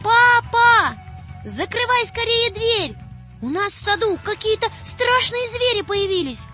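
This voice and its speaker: A woman voicing a frightened little girl who pleads tearfully in a high voice. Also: expressive, unhurried, fairly bright tone, lo-fi sound, soft background music, full character voice. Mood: frightened pleading.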